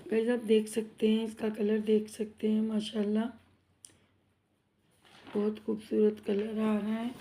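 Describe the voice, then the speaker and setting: In her home kitchen, a woman with a sore throat narrates a casual cooking vlog in a slow, measured way. Her voice is fairly high but flat, and she chats with viewers, calling them "guys" and asking them to subscribe.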